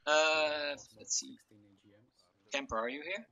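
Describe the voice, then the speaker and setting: A man's voice: on the high side, slow pace, sharp tone. A man leading a team in a military game, casually explaining tactics in a hesitant way over voice chat. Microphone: gaming voice chat. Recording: dull online voice chat.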